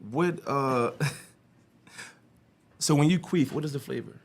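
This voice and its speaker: A man hosting a casual interview, asking teasing, joking questions with lots of halting restarts. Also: medium pitch. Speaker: podcast host.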